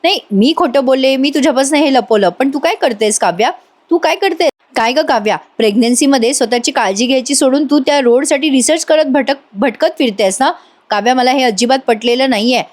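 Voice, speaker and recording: A woman's voice: sits high, a little fast, close to an everyday voice. A woman voicing a worried, protective young elder sister who scolds and pleads in a TV serial recap. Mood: scolding.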